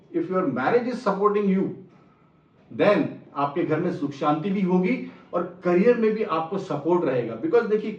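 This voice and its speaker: A middle-aged astrologer explains his subject, slipping phrases into his Hindi and repeating each point. His voice sits fairly high and sounds set back from the mic in a roomy space. The recording is slightly dull. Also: distant mic. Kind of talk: explanatory lecture.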